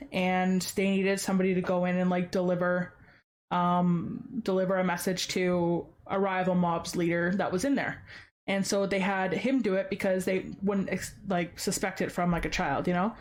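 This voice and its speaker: A woman hosting a casual true-crime podcast, chatty and filling her sentences with "like". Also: mid-range voice. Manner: chatty, heavy use of "like" fillers. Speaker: podcast host.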